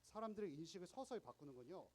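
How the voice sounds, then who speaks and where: Young male youth preacher, conversational sermon, quizzes listeners, fairly high and lively voice. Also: rapid-fire, a little hiss or hum, poor audio. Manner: chatty, explaining, asks the audience questions. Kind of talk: sermon to teenagers.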